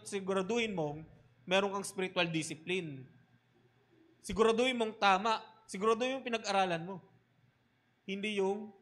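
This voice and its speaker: A Filipino man, a pastor, preaching a sermon in mixed Tagalog and English, often tagging lines with "di ba?" and swinging between loud emphatic bursts and quiet low asides. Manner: Taglish preaching, keeps asking "di ba?".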